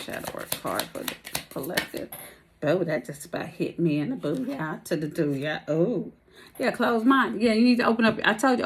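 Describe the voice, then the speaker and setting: A woman with a medium-pitched voice gives her viewers a casual, meandering tarot reading as her voice gives out, with background noise audible. She uses slang and addresses her audience as "baby" and "y'all."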